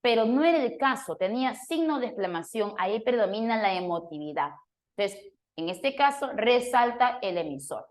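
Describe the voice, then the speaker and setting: A woman's voice: fairly high pitch, lively intonation, moderate pace. A woman teacher who walks a class through a review lesson, explaining points and putting questions to students by name. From Peru. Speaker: language teacher.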